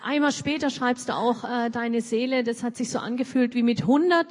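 A woman interviewer asking gentle questions with frequent hesitations. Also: a little high, normal speed, long reverb tail. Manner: hesitant, many fillers. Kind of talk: interview questions and book reading.

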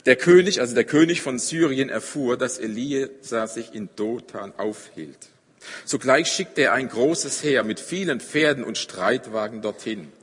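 A man preaching a sermon, telling a story dramatically and moving between loud, emphatic passages and hushed ones. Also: medium pitch, a little slow, husky, long reverb tail. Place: church.

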